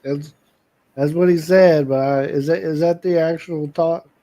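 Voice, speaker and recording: Male live-stream co-host, casual and chatty, with a mellow tone. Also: on the high side, fairly even intonation, a little slow, no echo. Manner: chatty, shouts out viewers, many "uh" fillers.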